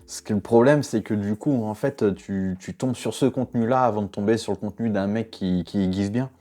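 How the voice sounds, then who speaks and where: A man with a fairly low, mellow voice gives casual reaction commentary as a knife sharpener. He is blunt and exasperated, swearing and breaking into laughter often. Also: fairly quick.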